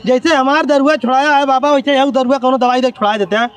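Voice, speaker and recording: Very high-pitched cheeky village drinker, acted by a man. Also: fairly even intonation, fast, a bit bright, clear, resonant tone. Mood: cheeky, cajoling. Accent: eastern Uttar Pradesh. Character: cheeky village drinker, the son's boozing buddy. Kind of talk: village comedy skit acting.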